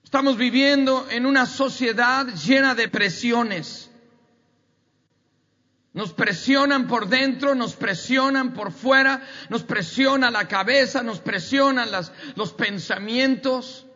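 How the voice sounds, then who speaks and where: A man's voice: very high-pitched, slow, bright, forceful tone. A man preaching a sermon emphatically, with repetitive lists and rising outbursts. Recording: dull audio with long hall reverb.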